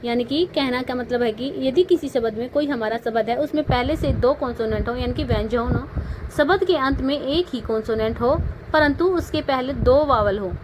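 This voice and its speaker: A woman's voice: high-pitched, noisy background. A woman teaching an English spelling lesson, asking rhetorical questions and spelling words out letter by letter. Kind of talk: spoken grammar lesson.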